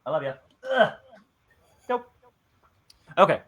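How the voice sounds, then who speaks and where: Lively, bright-voiced game master. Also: male voice, a little high, slow, breathy edge. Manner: chatty, filler-heavy, laughs often. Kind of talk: narrating a tabletop horror game.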